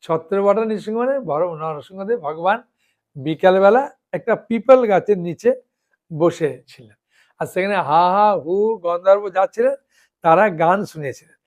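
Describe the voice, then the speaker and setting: High-voiced male monk preaching. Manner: keeps asking listeners "understood?"; lists names slowly one by one. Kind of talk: devotional sermon.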